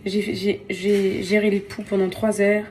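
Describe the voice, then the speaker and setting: A woman's voice: mid-range voice, little pitch movement, measured pace, noisy background. A tired young woman in casual vlog chat, venting and exasperated, often repeating herself. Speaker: vlogger. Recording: household clatter behind.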